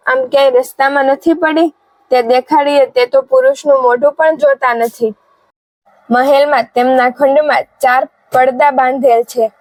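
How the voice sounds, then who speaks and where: A woman's voice: high voice, a little mellow, no echo, low-quality recording. A woman voicing a group of wary village women in a folk tale, cautioning and matter-of-fact.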